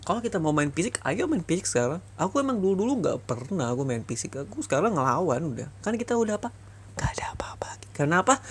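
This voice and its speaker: In an ASMR boyfriend role-play, a young man with a husky, fairly high voice plays a bitter boyfriend. He scolds his toxic ex again and again, heated and reproachful.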